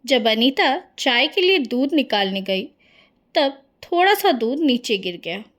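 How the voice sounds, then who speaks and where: A woman narrating a cartoon story in a friendly storyteller's manner. She takes her time, and her voice sits fairly high. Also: very animated, measured pace, fairly bright tone.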